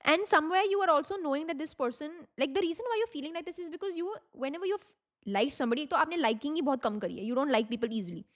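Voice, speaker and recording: A woman with an Indian accent speaks at a quick clip in a fairly high voice. She reads tarot informally, talking straight to the listener and slipping between English and Hindi. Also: lively intonation. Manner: mixes Hindi phrases into English; addresses the listener directly, checking in with "okay?". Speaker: tarot reader and video host. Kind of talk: informal tarot reading to camera.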